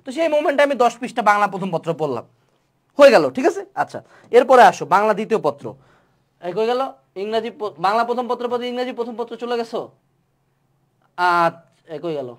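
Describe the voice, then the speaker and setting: Young tutor, rapid-fire delivery, playful, rhetorical questions, English words mixed in. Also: medium pitch, expressive. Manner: mixes English words into Bengali. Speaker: online tutor. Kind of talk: webinar lecture.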